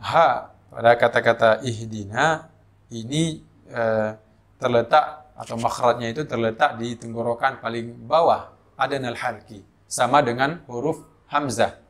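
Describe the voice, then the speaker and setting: Indonesian male Quran teacher, unhurried explainer who breaks into slow chanted examples. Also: mid-range voice, a bit bright. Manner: explains slowly with many fillers, then chants drawn-out recitation examples. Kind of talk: tajwid lesson with demonstrations.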